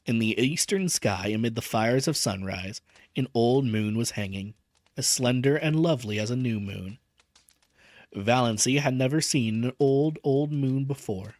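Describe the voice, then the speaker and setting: A man reading a novel aloud as a streamer, gentle and emotional, pausing to chat about the story. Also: mid-range voice, dry recording. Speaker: vtuber book reader.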